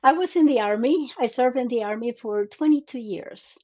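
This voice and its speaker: A woman's voice: a little high, normal speed, mellow, dull audio. A woman in her sixties from Mexico, a native Spanish speaker, earnestly telling her story as an interview guest with many fillers and restarts. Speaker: guest, Army veteran.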